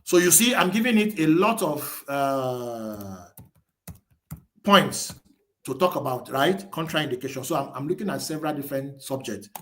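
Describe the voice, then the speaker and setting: A man's voice: medium pitch, expressive, moderate pace, fairly bright tone. A man presenting a webinar as a live screen-share tutorial, thinking aloud as he types, restarting and correcting himself.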